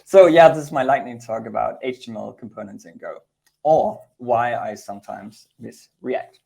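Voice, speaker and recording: A man's voice: mid-range voice, moderate pace, vocal fry, dark tone. A man in his thirties from Denmark giving an informal technical lightning talk in a conversational, slightly hesitant way over a video call. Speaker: conference speaker, Go developer. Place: indoor room, video call.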